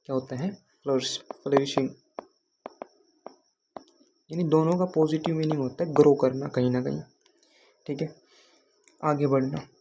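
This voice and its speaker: A man's voice: fairly high pitch, fairly even intonation, unhurried, creaky, long pauses, dark tone, highs cut off, slight background noise. A man from Haryana teaching an exam prep lesson, patiently repeating questions to his students. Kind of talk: explaining lesson.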